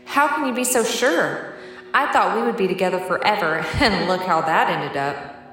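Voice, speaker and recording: A woman's voice: medium pitch, a bit bright, soft background music. Echo-drenched taunting ghostly dead wife, acted by a woman. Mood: mocking. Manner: slow, mocking, menacing. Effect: heavy ghostly reverb. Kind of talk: audio drama acting. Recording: very echoey long reverb.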